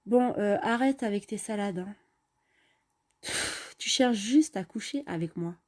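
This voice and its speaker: A woman voicing a young female student who is blunt and quick-tempered, with exasperated sighs. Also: medium pitch, darkish tone, close to an everyday voice. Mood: dismissive. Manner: exasperated, sighing. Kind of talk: storytelling voice acting.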